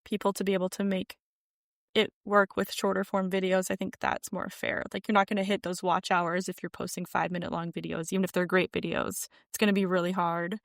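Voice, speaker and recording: A woman's voice: on the low side, fairly quick, creaky, dry recording. Chatty young woman, dry close sound. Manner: chatty, many "like" fillers, animated emphasis. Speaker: podcast guest, sewing content creator. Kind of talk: casual interview chat. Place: home room with yarn shelves.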